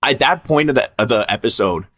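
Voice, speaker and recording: A man's voice: mid-range voice, animated, fairly quick, fairly bright tone. A man co-hosting a podcast in casual banter, rambling and swearing, a bit self-deprecating. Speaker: podcast co-host.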